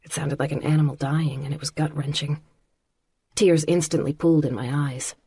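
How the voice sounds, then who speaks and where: A woman narrating an audiobook in the first person with a measured, quietly intimate reading. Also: deep voice, fairly even intonation, husky, no echo.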